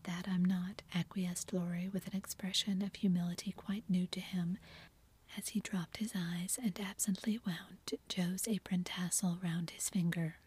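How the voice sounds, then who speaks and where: Woman narrator, airy whispered storybook reading, steady and flat. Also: on the low side, normal speed, breathy edge. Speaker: reader.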